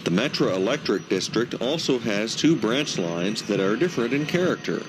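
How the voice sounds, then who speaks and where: A man's voice: mid-range voice, big pitch swings, moderate pace, heavy background noise. A man delivering scripted narration as the narrator of a documentary. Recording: voice-over with loud music behind.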